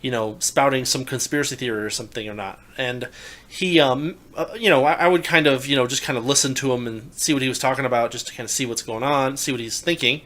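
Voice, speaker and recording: A young adult man in casual political talk, animated and incredulous, often restarting his sentences. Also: mid-range voice, fast talker. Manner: animated, rising to loud incredulous emphasis; restarts and stammers mid-sentence. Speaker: podcast co-host.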